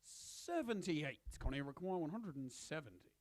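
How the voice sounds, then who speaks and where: A man's voice: on the high side, very animated, normal speed, background noise. A man working as a darts score caller, formally announcing scores and players in short set calls.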